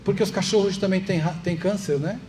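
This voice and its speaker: Speaking high-pitched and a bit fast, with a steady, slightly mellow tone, a man with a Brazilian Portuguese accent lectures publicly at a spiritist center's meeting hall. He keeps it conversational, asking rhetorical questions and adding light jokes, while a little hiss or hum is audible.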